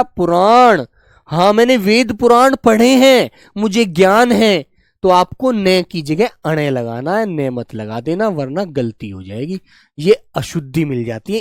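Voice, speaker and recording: A man teaching a spelling class online, coaxing his students and slowly repeating words to show how they are said. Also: sits high, darkish tone, clear, resonant tone, no echo, clean studio sound. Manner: coaxing, keeps calling students "beta" and "bachche". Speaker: Hindi teacher.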